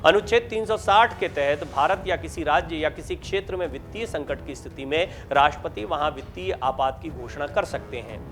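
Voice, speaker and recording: A man narrating a scripted news report in a steady, formal, explanatory read. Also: fairly high pitch, fairly quick, few pauses. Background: faint background music.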